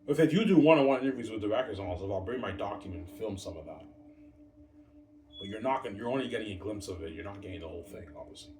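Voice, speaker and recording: A vlogger in his thirties rambles casually to his viewers, calling them "guys" and looping back to the same phrases again and again in a loose monologue. His lowish, darkish voice moves with lively intonation at a very fast pace, and he sits far from the mic in an echoey room with background noise.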